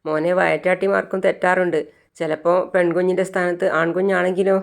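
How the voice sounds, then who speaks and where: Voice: mid-range voice, level tone, fairly quick, vocal fry, lightly acted. A narrator voicing a worried older mother who pleads with her son, in a retold TV serial.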